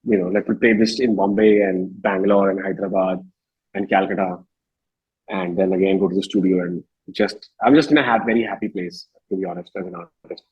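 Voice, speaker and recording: An Indian-accented man in his thirties, a singer-songwriter, answers a casual interview in an informal, reflective way with frequent "you know"s. His low, husky voice is brisk and fairly even, and the recording's highs are cut off.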